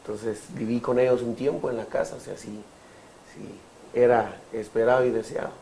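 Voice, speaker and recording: A Guatemalan man in his thirties giving his testimony in an interview, speaking haltingly with many fillers and restarts. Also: mid-range voice, steady tone, gravelly, mellow, a little hiss or hum, rough recording. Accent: Guatemalan Spanish. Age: 30s. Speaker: interview guest.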